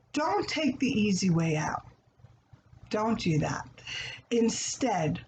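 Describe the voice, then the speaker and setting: This woman hosts a storybook read-aloud like a teacher, turning the children's story into a chatty, instructive lesson where she poses questions and supplies the answers. Her voice leans high and a little mellow. The sound is lo-fi, recorded in an echoey space with a faint hum of background noise.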